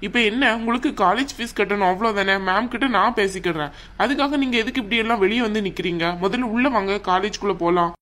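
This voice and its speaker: A woman's voice: medium pitch, quick pace, a bit bright, close to an everyday voice. A woman voicing a kind, earnest young male college student in a cartoon, reassuring and sincere. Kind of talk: cartoon dub acting.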